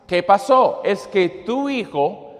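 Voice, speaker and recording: Slow high-voiced male preacher, halting. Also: sing-song, long reverb tail. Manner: halting, many fillers and restarts, acts out quotes. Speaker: missionary preacher. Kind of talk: sermon with a made-up story.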